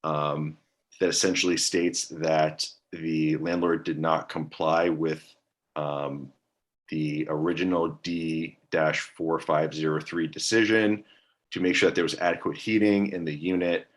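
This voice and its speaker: A man giving a hesitant, monotone staff briefing at a public meeting over a video call, filling pauses with um. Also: extremely low pitch. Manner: monotone, hesitant with many ums. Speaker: staff attorney at a commission meeting.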